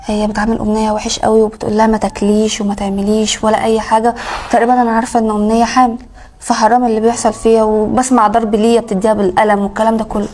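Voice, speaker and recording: An actress playing a worried young neighbor confiding bad news, with an Egyptian accent. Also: female voice, on the high side, flat delivery, very fast, dark tone, lightly acted. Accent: Egyptian Arabic. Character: worried young female neighbor telling secrets.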